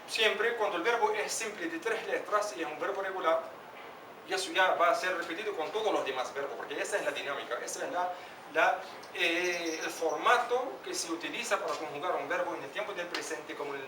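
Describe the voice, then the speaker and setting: A man teaching an Arabic lesson to a class, asking students questions by name and drilling pronunciation slowly. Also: high voice, animated, noisy background. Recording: echoey classroom from a distance.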